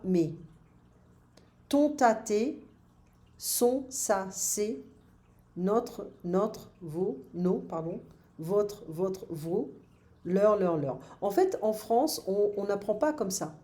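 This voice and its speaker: A woman teaches a French grammar lesson and drills each form one by one, slipping in brief English glosses. She speaks slowly, her tone warm and mellow. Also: mid-range voice, lively intonation. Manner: slow, patient drilling with short English glosses.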